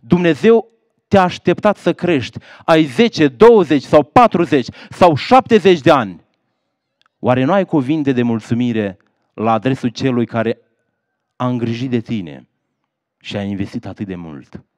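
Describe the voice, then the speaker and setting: A man's voice: lively intonation, a little mellow, no room sound, studio quality. A man with a Moldovan Romanian accent preaching an evangelistic sermon, telling a sad story dramatically and then pressing listeners with rhetorical questions. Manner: dramatic storytelling, dropping low for sad parts and rising for quoted voices. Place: village house of culture.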